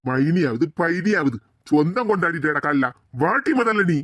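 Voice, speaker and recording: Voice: mid-range voice, lively intonation, normal speed, close to an everyday voice. A voice actor playing a hot-tempered village man with a Tirunelveli accent, scolding and threatening his niece in a cartoon. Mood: angry scolding. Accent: Tirunelveli Tamil.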